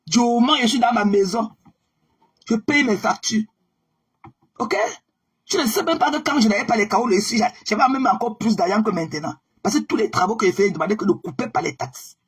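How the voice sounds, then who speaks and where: A woman's voice: on the high side, breathy edge. A woman hosting a live stream, confronting and mocking a rival in a repetitive, combative way.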